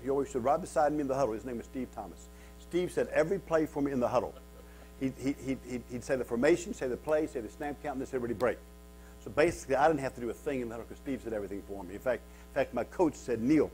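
A Kansas man in his fifties, his voice medium-pitched and a little mellow, is a guest speaker telling stories to a men's retreat. He stutters, repeats himself often, and pokes fun at himself in a wood-paneled church hall with a seated audience listening.

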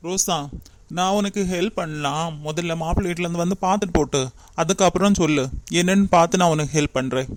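A woman's voice: lowish voice, fast talker, lightly acted. A woman voicing a young female relative who coaxes and comforts a crying bride in a cartoon. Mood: coaxing. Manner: coaxing, gently firm.

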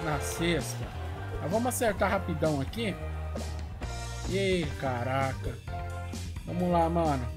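A middle-aged Brazilian man giving casual, excitable gameplay commentary full of slang and exclamations, recorded in a room at home. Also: fairly high pitch, unhurried, pauses often. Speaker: gaming video host. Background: music.

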